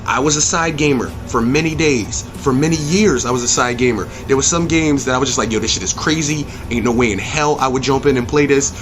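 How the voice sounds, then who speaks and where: Speaking briskly with few pauses, a man with a mid-range voice rants over music. As host of a channel reviewing video game movies, he is emphatic, blunt and profane, repeating phrases for punch in his opinionated review.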